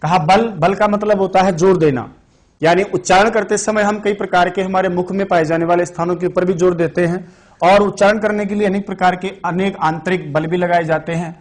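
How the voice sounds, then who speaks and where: A man's voice: high voice, fairly even intonation, brisk. A man teaching Sanskrit grammar in an online exam-prep lecture. He asks questions and answers them himself, and repeats the key terms.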